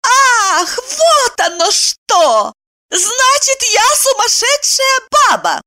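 Shrill hysterical wife, as a woman narrator voices her. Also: normal speed, sharp tone. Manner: shrieking, hysterical, dramatic outbursts. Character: shrill, hot-tempered married woman.

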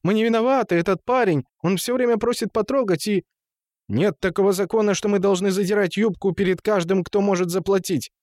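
A man voicing a group of indignant brothel women who protest loudly. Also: sits high, a little fast, no room sound, studio quality, voice pushed up, close to an everyday voice. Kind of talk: audiobook character voice.

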